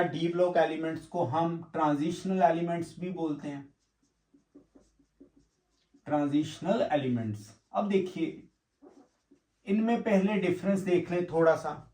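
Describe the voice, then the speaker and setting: Male chemistry teacher, slightly high voice, self-questioning lecture style, roomy echo. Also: a little mellow. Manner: explains step by step, asks and answers own questions; mixes English terms into explanation. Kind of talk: classroom lecture with board work.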